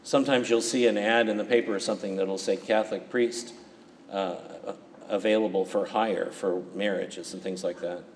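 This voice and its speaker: A man, a priest, reading the Gospel and preaching at Mass in a calm, steady way, his voice carried by a long cathedral-like church echo. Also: lowish voice, normal speed. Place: large church. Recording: reverberant church, faint background noise.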